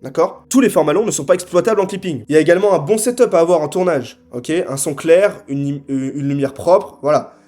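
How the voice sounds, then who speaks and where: A young man giving a scripted sales pitch to camera, assertive and punchy, often tagging his sentences with quick check-ins. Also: darkish tone. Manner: assertive, punchy, frequent tag questions. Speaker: marketing consultant.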